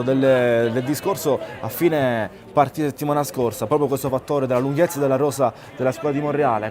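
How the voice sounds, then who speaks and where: A man giving live play-by-play commentary on a football match. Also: mid-range voice. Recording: outdoor stadium crowd noise. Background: crowd at an outdoor ground.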